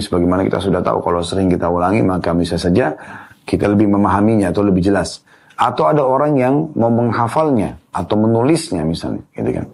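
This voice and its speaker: Low-voiced man giving a religious lecture. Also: gravelly. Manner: conversational, repeats key points, frequent tag words. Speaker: Islamic religious teacher.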